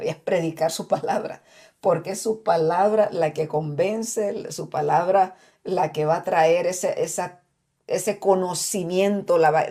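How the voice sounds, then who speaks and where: A woman co-hosting a Bible study program, talking animatedly and acting out the voices she quotes. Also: fairly low pitch. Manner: animated, acts out quoted voices, laughs often. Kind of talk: conversational Bible teaching.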